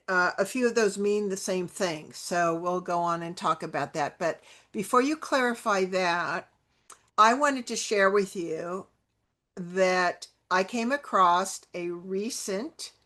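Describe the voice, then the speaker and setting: Slow-spoken woman hosting a spiritual podcast. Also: medium pitch, bright, forceful tone. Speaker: podcast host. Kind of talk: slow spiritual talk show hosting, reading a quote aloud.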